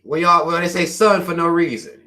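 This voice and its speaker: During a loose, profane livestream rant, a channel host from the Carolinas with a Southern American accent reads out viewer comments. His voice sits a little high for a man, bright and forceful with a hard, blunt edge.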